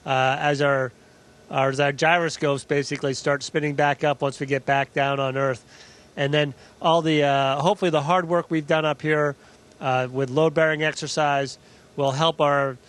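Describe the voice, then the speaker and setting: A man with a moderately high voice talks as an astronaut. He answers informally, thinking aloud as he explains. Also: a bit bright. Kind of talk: answering questions in a live link-up.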